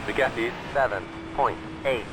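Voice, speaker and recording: A man's voice: medium pitch, moderate pace, fairly bright tone, a little hiss or hum, natural voice, low-quality recording. A man voicing a race spotter in a racing game, giving terse, clipped pit radio calls. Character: terse male race spotter calling gaps.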